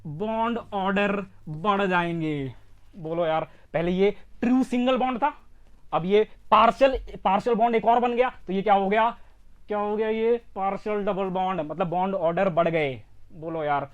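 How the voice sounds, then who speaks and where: A male chemistry teacher giving an online exam-prep lecture with lots of energy, repeating phrases and prodding his students to answer. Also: high-pitched. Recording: slightly dull lo-fi recording.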